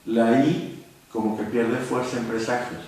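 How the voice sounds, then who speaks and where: Man, teacher, patient, explanatory, slow, mid pitch, very echoey, distant mic. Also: level tone, darkish tone. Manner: patient, explanatory, spells out vowel sounds. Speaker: poetry teacher. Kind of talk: classroom lecture. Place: classroom. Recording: echoey room, recorded from afar.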